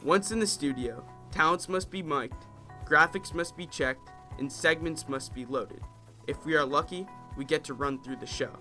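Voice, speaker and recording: A teenage male reporter narrates a scripted news package. His voice is forceful and fairly high, with music underneath. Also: moderate pace. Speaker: student reporter. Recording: music bed behind the narration.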